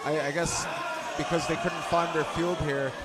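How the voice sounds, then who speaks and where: A man's voice: a little high, little pitch movement, moderate pace, heavy background noise. A man talking as a guest wrestler at a broadcast table, in wrestling promo banter. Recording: very loud crowd and music behind.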